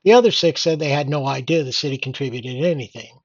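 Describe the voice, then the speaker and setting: A man's voice: medium pitch, quick pace, breathy edge, no echo, lo-fi sound. An older man reading out and commenting on news in an indignant, sardonic old-man rant. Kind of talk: opinionated read-aloud news commentary.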